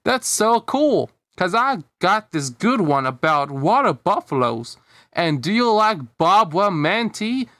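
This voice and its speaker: A man voicing an excitable little boy cucumber who talks slowly and eagerly, in a dry-sounding fanfic reading. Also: high-pitched, dry recording, voice pushed up, full character voice. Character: small excitable boy cucumber, wide-eyed. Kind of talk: storybook voice acting.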